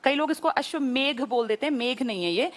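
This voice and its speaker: A woman's voice: a little high, animated, quick pace. A woman teacher giving an exam-prep history lesson, explaining step by step and asking and answering her own questions.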